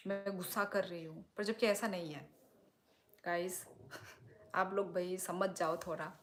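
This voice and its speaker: Young woman on a livestream, slow easy talk, sounds kinda stern even when she's not. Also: fairly low pitch, slight background noise. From Tripura, India. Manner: blunt tone that sounds like scolding. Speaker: livestream host. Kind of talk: casual livestream chat reading comments.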